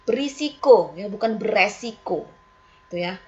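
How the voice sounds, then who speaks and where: A woman teaches a school language lesson, explaining to her students and asking them questions along the way. She's lively, with rising questions and repeated "ya." Her voice is medium-pitched at normal speed, and the audio sounds dull.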